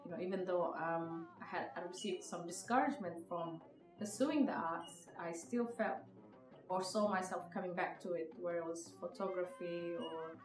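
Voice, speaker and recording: A woman's voice: lowish voice, moderate pace, distant mic. A woman from Somalia, in her thirties, telling her own story in a reflective, hesitant way with many fillers and restarts. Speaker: podcast guest, visual artist. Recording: echoey room, from the mic, music behind.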